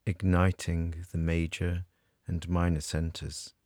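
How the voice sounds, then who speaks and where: A man guiding a scripted meditation in a soothing, measured way with long pauses. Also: sits low, level tone, a little mellow, no room sound, studio quality. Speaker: meditation guide. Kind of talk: guided meditation narration, scripted.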